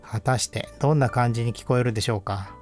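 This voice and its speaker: Calm, measured male technical narrator. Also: medium pitch, faint music behind. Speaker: audio equipment reviewer. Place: voice-over.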